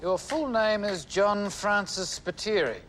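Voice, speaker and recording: An actor playing a formal male barrister questioning a witness in measured, precise speech. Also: high-pitched, a bit bright, a little hiss or hum. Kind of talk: film drama acting.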